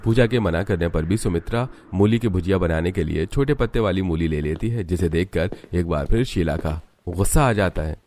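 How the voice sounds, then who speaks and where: A man narrating a cartoon family story in an even, storytelling way. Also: deep voice, brisk, few pauses, a little hiss or hum.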